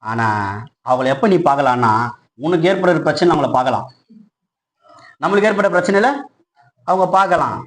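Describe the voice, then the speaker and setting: A man preaching a passionate sermon, putting questions to his congregation and building to loud, high-pitched peaks. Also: expressive, brisk, long pauses, poor audio. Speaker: pastor.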